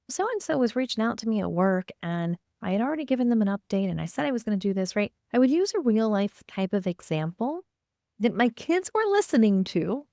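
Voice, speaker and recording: A woman's voice: medium pitch, darkish tone, no echo, clean studio sound. A woman guest on a podcast, a co-parenting coach who talks emphatically and keeps checking in with tag questions. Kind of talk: podcast interview, casual chat.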